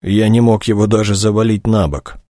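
A man voicing a hoarse, half-strangled detective. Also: on the low side, a little fast, dark tone, no room sound, studio quality, close to an everyday voice. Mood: wry. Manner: rasping, partly whispered lines.

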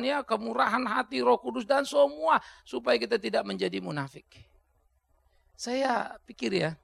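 A male pastor preaching a topical sermon in a colloquial, animated way, breaking into sudden emphatic shouts. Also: very high voice, gravelly, no room sound.

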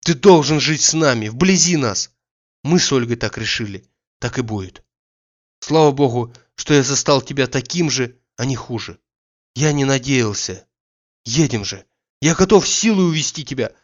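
A man reading the part of an energetic grown man who presses his old friend with urgent questions, in a slightly dull recording. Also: a little high, normal speed, close to an everyday voice. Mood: insistent.

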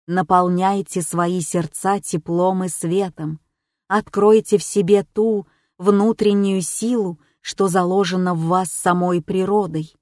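Calm woman narrating an audiobook. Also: fairly low pitch, no room sound, studio quality. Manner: measured, calm storytelling. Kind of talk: first-person audiobook narration.

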